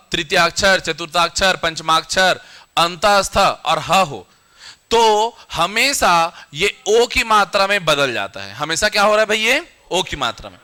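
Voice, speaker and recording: A young adult man leads a grammar lesson in a classroom. His voice sits high and sounds very bright and sharp. He fires questions at the students and answers them himself, and he slows down to dictate rules. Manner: quizzing students with call-and-response questions. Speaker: teacher.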